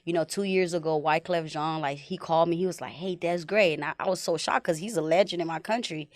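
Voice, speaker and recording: A woman's voice: deep voice, fast, no room sound. A young woman from Haiti, a film director talking casually as a podcast guest. She tells stories reflectively and fills them with "like" and "you know.". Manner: reflective storytelling, many "like" and "you know" fillers.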